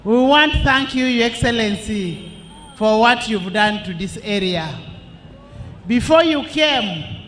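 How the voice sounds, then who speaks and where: A Ugandan-accented man giving a rousing political rally speech in emphatic, deliberate short bursts. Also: very high voice, lively intonation, sharp tone. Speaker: political speaker welcoming the president. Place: political rally, speaking through a microphone.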